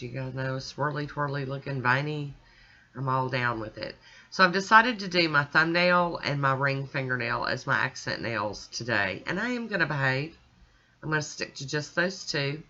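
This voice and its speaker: A woman's voice: extremely low pitch, sharp tone, highs cut off. A woman chatting casually as she talks the viewer through her nail art, step by step. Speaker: nail art channel host.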